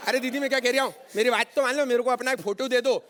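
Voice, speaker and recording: A man playing a boastful Indori wrestler goon in a stage comedy sketch, loud and swaggering, with an Indori Hindi accent. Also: very high-pitched, fairly even intonation, rapid-fire, heavy background noise. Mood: flustered.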